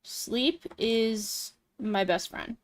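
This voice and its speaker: A woman hosting a casual livestream, chatting in a cute, animated anime-streamer way with drawn-out words. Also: fairly high pitch, no room sound. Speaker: VTuber livestream host. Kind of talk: casual livestream chat while drawing.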